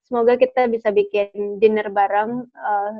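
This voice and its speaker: A woman's voice: medium pitch, fairly even intonation, moderate pace, phone-quality sound. A woman actress being interviewed over a video call from her home, chatting casually with frequent fillers and laughs. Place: home during lockdown.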